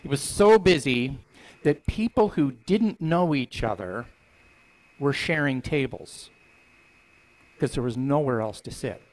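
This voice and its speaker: Older guy minister, reads the bible expressive then chats a sermon, headset mic in a church. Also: measured pace, long pauses, poor audio. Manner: expressive reading, voices quoted lines higher; stands at the front holding a book, conversational preaching. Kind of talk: scripture reading and sermon. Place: church sanctuary.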